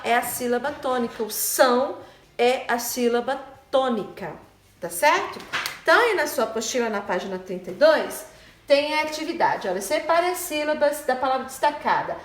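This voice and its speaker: Recorded in an echoey room with slight background noise, a woman with a high voice teaches a primary school class online. Patiently and slowly, she explains things and keeps checking with her pupils through frequent "né?" and "tá?".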